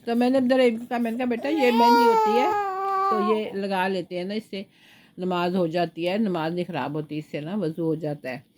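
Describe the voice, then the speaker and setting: An older woman with a sore throat and a medium-pitched voice chats at a moderate pace, rambling through stories while she sits at home with her grandchild, a baby she sometimes coos at in baby talk. It's a casual home vlog, and background noise can be heard.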